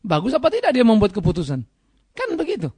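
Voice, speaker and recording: A man's voice: high-pitched, huge pitch swings, quick pace, a little mellow, breathy edge, no room sound, clean studio sound. A man preaching a sermon emphatically, asking rhetorical questions and addressing listeners as brothers and sisters. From Indonesia. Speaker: pastor.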